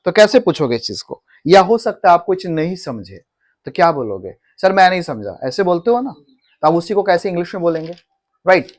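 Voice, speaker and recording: Male coaching teacher in a classroom, quizzing and correcting his pupils in steady call-and-response drills. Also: high-pitched, fairly quick. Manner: repeats and corrects words patiently. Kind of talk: classroom lesson in mixed Hindi and English. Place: classroom with a board.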